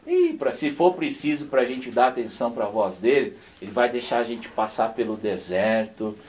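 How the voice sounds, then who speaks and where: A man's voice: mid-range voice, sing-song, normal speed. A man, a pastor, gives an informal sermon and personal testimony at a home gathering, telling stories in a folksy way and often adding "né?". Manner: folksy storytelling, constantly adds "né?" and laughs softly.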